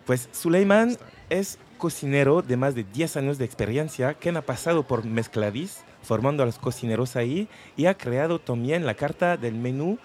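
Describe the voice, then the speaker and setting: A man's voice: mid-range voice, darkish tone. A man hosting a casual interview, asking questions with frequent stumbling restarts. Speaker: host.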